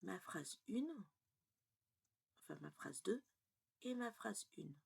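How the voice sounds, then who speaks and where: In a casual French pronunciation lesson, a woman walks through each step slowly and deliberately, often slipping into a breathy half-whisper and asking "ok?" to check in. Her voice is medium-pitched, sing-song, and a little mellow.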